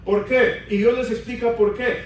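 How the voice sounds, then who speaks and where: High-voiced pastor preaching in an echoey church. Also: male voice, steady tone, normal speed, slight background noise. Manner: preaching with emphatic rises, addressing the congregation as brothers. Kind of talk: Spanish-language sermon. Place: large church hall. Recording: echoey church hall from a distance.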